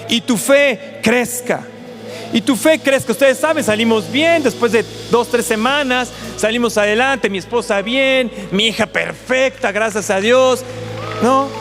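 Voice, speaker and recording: Mexican man preaching, high voice, auditorium echo, soft music behind. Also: normal speed. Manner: conversational preaching, acts out pleading quotes. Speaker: pastor. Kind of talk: sermon. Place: large auditorium. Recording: echoey auditorium with faint music.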